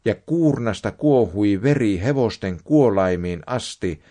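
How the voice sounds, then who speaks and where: A man reads scripture aloud in a slow, measured and solemn way. His voice sits fairly low, and each phrase is given room. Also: expressive, warm tone. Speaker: Bible reader.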